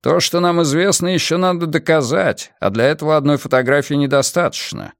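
Man playing calm police commissioner, measured, patient, dry close reading. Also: on the high side, gravelly, no echo, voice pushed up. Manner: calm and explaining. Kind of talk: audiobook character voice.

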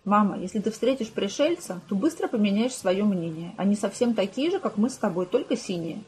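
A woman's voice: medium pitch, animated, a little fast, a little mellow, a little hiss or hum, lightly acted. A woman doing a patient, weary middle-aged detective. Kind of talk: audiobook character voice.

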